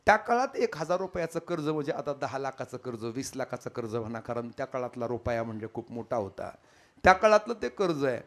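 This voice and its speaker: A man preaching a devotional kirtan sermon. He tells stories and speaks straight to his listeners, moving between quiet asides and loud exclamations. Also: big pitch swings, fairly quick. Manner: storytelling, swings between soft asides and loud high exclamations; addresses the audience directly.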